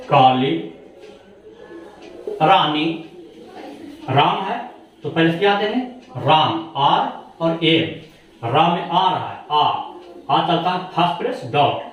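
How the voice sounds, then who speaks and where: A male teacher takes his class through the lesson one step at a time, asking questions and answering them himself. His voice sits fairly high and moves up and down a lot. It is recorded from a distance in a strongly echoing room. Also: slight background noise. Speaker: shorthand teacher. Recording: very echoey room, voice far from mic.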